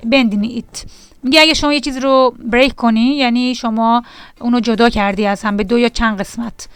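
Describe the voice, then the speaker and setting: A woman's voice: fairly high pitch, fairly even intonation, clean tone, dry recording. Lady teacher going over english words w/ beginners, patient, repeats stuff, dry close sound. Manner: reads English definitions aloud, then explains them; patient and repetitive, addressing students directly. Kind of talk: beginner vocabulary lesson.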